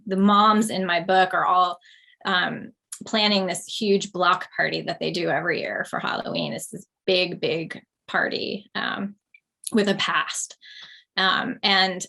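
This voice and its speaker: A woman's voice: mid-range voice, pushed and bright. A woman author in a panel talk, chatting loosely with many fillers. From United States. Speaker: author guest. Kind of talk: panel discussion.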